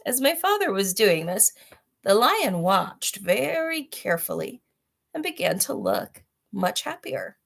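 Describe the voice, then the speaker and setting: A woman's voice: medium pitch, huge pitch swings, measured pace, creaky, fairly bright tone. Woman reading a children's storybook aloud. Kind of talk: read-aloud storybook narration with chatty asides.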